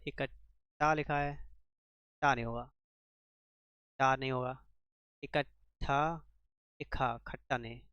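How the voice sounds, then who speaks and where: A man with a medium-pitched, slightly bright voice, clear and resonant with no echo, teaches spelling as part of an exam-prep grammar lesson. He quizzes students through rhetorical questions, then repeats every answer.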